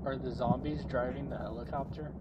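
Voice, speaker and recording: A man's voice: medium pitch, steady tone, brisk, highs cut off, crowd noise. A young man chatting casually in an online co-op game. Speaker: online co-op gamer.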